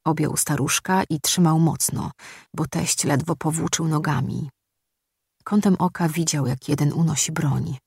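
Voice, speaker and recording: An audiobook narrator reading a story in a steady, measured way. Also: mid-range voice, gravelly, breathy edge, no room sound, clean studio sound. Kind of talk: scripted narration.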